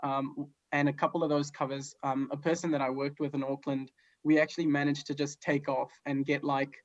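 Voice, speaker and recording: A man's voice: a little high, fairly quick. Man chatting casually over dull audio. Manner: relaxed, rambling with many fillers. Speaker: guest musician. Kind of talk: casual chat. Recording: dull lo-fi sound.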